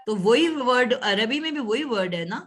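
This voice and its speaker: A woman's voice: fairly high pitch, expressive, a bit bright, slightly rough. A woman teaching Arabic grammar in an online class, patiently correcting a student's pronunciation. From Pakistan. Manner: patient, corrective, repeats sounds slowly.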